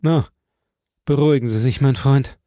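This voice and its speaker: A man's voice: medium pitch, moderate pace, warm tone, no room sound, clean studio sound, lightly acted. A man voicing a grieving young male soldier, speaking with rising passion and pleading outbursts. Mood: despairing.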